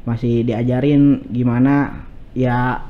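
A man with a Betawi accent, a guest in a casual chat interview, explaining things in a relaxed way. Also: mid-range voice, slow pace, dull audio. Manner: relaxed, explaining, recites verse. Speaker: guest, cultural activist.

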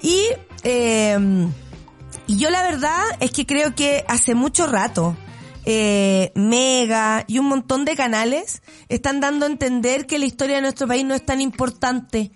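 A woman's voice: sits high, unhurried, faint music behind. Sarcastic Chilean woman radio host. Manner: sarcastic, laughs often, blunt. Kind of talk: casual opinionated radio commentary.

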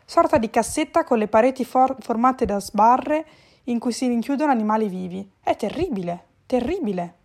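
A woman voicing a fussy, bookish male cat who is easily dismayed and repeats himself excitedly. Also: normal speed. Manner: excitable, repeats words, rises sharply in pitch.

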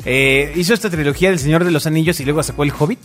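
A man's voice: a little high, very fast. A Mexican man bantering and teasing his friends in a casual chat.

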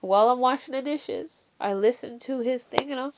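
A woman with a Jamaican accent gives a casual but earnest talk about faith, speaking emphatically and repeating key phrases for weight while often adding "you know" and "all right." Her voice sits high at a normal speed, and the recording is low quality.

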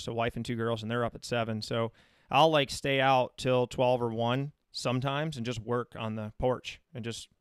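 A man's voice: medium pitch, clean tone, no echo, clean studio sound. An American man in his thirties talking casually and at length, telling anecdotes as an interview guest. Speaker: interview guest, running coach. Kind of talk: casual chat.

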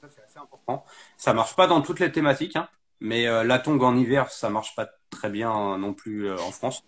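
A man's voice: mid-range voice, fairly quick, a bit bright. A man talking casually as an interview guest, explaining things step by step with many hesitations. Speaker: SEO guest.

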